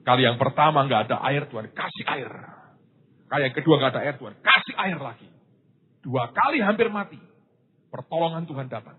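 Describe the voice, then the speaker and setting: Man, pastor, sermon, animated storytelling, loud bursts and hushed asides, thin phone-like sound. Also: mid-range voice, fairly quick, slightly rough. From Indonesia. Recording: lo-fi phone-like recording with faint hiss.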